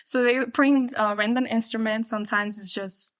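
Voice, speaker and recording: A woman's voice: on the high side, fairly even intonation, moderate pace, fairly bright tone. A woman from the Dominican Republic chatting casually on a podcast as a guest, laughing often and filling with "like". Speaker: guest, production team member.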